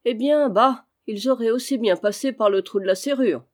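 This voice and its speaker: A hoarse, fearless old housekeeper in her sixties grumbles and cries out in a raised, somewhat higher voice, put on by a woman reading an audiobook. Her manner is blunt and exclamatory, with a mellow, dark tone beneath the rasp. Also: normal speed, close to an everyday voice. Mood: gruff. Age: over 60.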